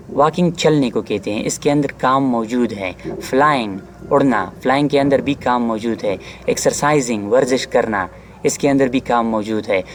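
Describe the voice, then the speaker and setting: A man teaching an exam-prep grammar lesson who explains each word and slows down to read English sentences deliberately. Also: mid-range voice, a little hiss or hum. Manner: explains each word, often adds "theek hai"; reads English lines slowly and deliberately.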